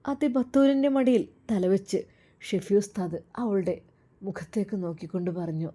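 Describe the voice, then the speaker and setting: A woman's voice: mid-range voice, lively intonation, normal speed, warm tone. A woman narrating a religious story in an emotive, emphatic way.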